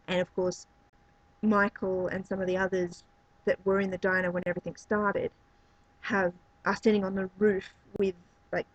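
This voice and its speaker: A woman's voice: mid-range voice, husky, no room sound, muffled recording. A woman giving a casual spoken review of a film and show, rambling and searching for words. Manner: rambling, many fillers and restarts. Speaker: movie reviewer.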